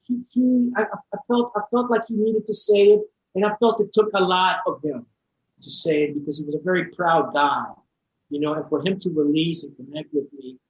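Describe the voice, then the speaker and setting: Heartfelt, halting man telling his story. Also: fairly high pitch, muffled recording. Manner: halting, repeats words and restarts often; heartfelt and open. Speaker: interview guest. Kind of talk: personal storytelling in a podcast conversation.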